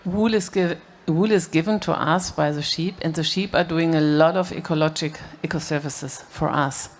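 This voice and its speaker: A panelist talking in a halting way, with fillers, on a stage panel. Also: male voice, a little high, steady tone. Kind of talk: panel discussion.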